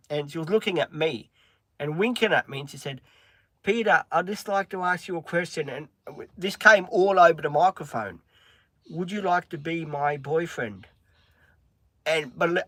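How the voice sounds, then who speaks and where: A man's voice: on the high side, fairly bright tone, no echo. An Australian man hosting a livestream, telling a long story in a casual, rambling way, with many restarts and filler words. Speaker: livestream host.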